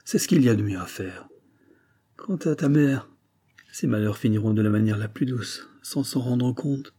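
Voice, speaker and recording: A man reading the part of a desperate, impoverished father who pleads and then questions his faith bitterly, in a mellow, husky voice. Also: medium pitch, normal speed. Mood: pleading. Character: despairing poor older father, bitter.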